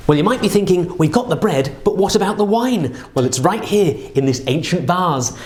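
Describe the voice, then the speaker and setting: A man's voice: sits high, lively intonation, normal speed, a little mellow, reverberant. A man presenting to children like a kids party magician, with jokey, theatrical patter in a scripted show.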